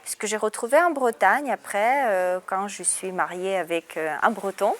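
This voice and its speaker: A woman's voice: mid-range voice, normal speed. Hesitant woman speaking French, raised in Russia. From Ukraine and Russia. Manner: hesitant, many fillers and restarts. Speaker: interviewee. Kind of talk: casual interview.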